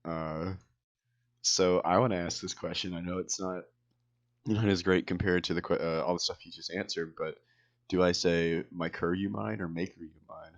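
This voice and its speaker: A man's voice: low-pitched, level tone, normal speed. A man hosting a casual online interview, asking easygoing questions. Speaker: podcast host. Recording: dull lo-fi sound.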